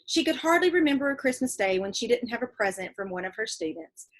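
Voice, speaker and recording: Like a teacher, a woman reads a children's story aloud with lots of expression, stopping to explain things and check in with her young listeners. Her voice is a little high, and the recording is rough.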